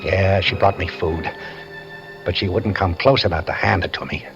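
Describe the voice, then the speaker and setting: A deep-voiced actor, heard at normal speed with faint music behind him, voices a handcuffed male escapee who is wary and scheming. He narrates the story in a wry, tense first person in 1940s radio acting style, and the recording sounds like a dull old radio broadcast.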